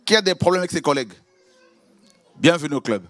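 Man preaching, animated and theatrical, high and lively voice. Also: quick pace, no echo. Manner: animated, acts out prayers and dialogues with God; swings between loud exclamations and hushed low asides. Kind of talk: sermon.

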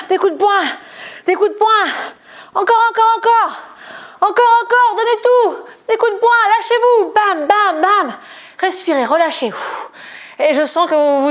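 A woman leading a cardio workout class, cheering on her viewers with quick cues, jokes and counting, a little breathy as she moves along. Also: high-pitched. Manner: upbeat coaching, chatty asides and counting. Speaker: fitness coach.

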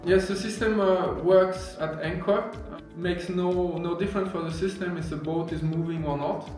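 A man in his thirties, an engineer explaining his product to camera in a halting, earnest way with many restarts. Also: high-pitched, steady tone, darkish tone. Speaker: engineer and founder of a marine detection product. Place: office room, indoors. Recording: very echoey office with faint music.

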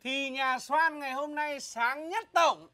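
An actor playing a cheeky young suitor who boasts and fawns with exaggerated politeness, in a comedy film. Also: male voice, very high voice, slow, bright, forceful tone, dry recording, heavily acted. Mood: boastful. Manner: boastful, fawning and over-polite. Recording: comedy film with music behind.

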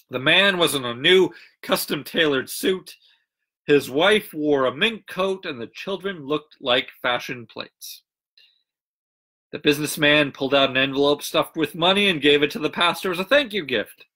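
A man's voice: a little high, moderate pace, pushed and bright. A male pastor on a livestream, chatting with viewers and reading jokes aloud. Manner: chatty, greets online viewers by name. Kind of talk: livestreamed sermon and joke reading.

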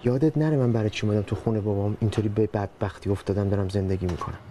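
A man's voice: on the low side, steady tone, warm tone, slight background noise, lightly acted. An actor playing a bitter, sarcastic young husband who argues with his in-laws in a TV drama. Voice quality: sarcastic, argumentative. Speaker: son-in-law living with in-laws. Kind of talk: TV drama acting.

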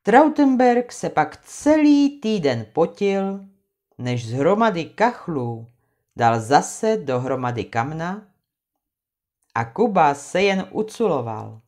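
A woman reading a fairy tale aloud, expressive and vivid. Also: fairly low pitch. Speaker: storyteller.

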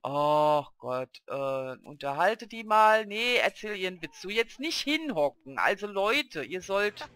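Woman gamer talking to her sims, coaxing and grumbling, pitch jumping all over the place. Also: big pitch swings, takes it slowly, few pauses, a bit bright. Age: adult with a child. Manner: chats to the game characters, urging and grumbling. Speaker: let's play host. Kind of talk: let's play gameplay commentary. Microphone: headset.

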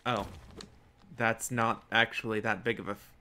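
A man's voice: fairly low pitch, level tone, moderate pace, sharp tone, clean tone. A man chatting casually and playfully as he plays a game on stream, joking and bantering. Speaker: guest gamer. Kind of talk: casual stream chat while playing.

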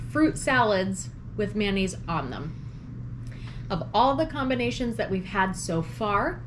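A woman's voice: mid-range voice, a little hiss or hum. A woman with an ordinary mid-range voice talks through a tasting at home. She is chatty and easygoing, describing each flavor and texture in detail as she goes. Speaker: food blogger recreating vintage recipes. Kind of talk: casual taste-testing commentary.

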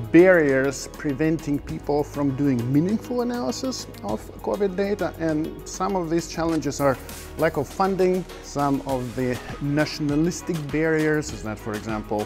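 A man's voice: fairly high pitch, a little mellow. Earnest middle-aged man explaining research. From Ukraine. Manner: earnest, explanatory, with some fillers. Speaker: research fellow. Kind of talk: prepared talk to camera. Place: indoor greenhouse with plants.

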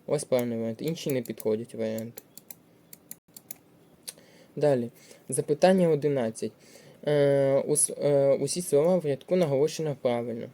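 A man's voice: medium pitch, normal speed, pauses often, dark tone. A man teaching a lesson, working through test questions step by step in a plain, methodical way with frequent hesitations.

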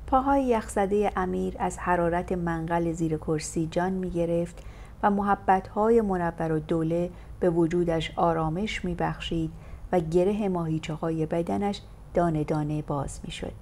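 A woman reading a novel aloud as an audiobook narrator, steady and expressive. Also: on the low side.

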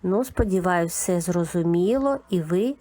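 Slow, patient woman teaching letter sounds. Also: on the low side. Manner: calm, methodical, spells out each sound. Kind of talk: slow, patient children's literacy lesson.

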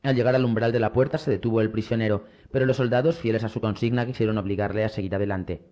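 A man reading a novel aloud as an audiobook narrator in a measured, steady way. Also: on the low side. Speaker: audiobook reader. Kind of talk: scripted narration.

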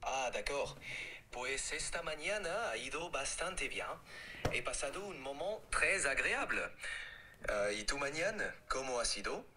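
AI voice putting on a French-accented assistant. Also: male voice, medium pitch, animated, a little slow, a crowd in the background, close to an everyday voice. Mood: cheerful. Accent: French-accented Spanish. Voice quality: smooth, synthetic assistant voice. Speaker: chatbot voice.

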